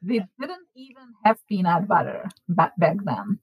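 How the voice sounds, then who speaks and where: A woman's voice: fairly low pitch, big pitch swings, unhurried, breathy edge, dry recording, lo-fi sound. A woman from Hungary with a Hungarian accent, chatting casually as a baking class teacher, laughing often and restarting her words. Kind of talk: casual chat.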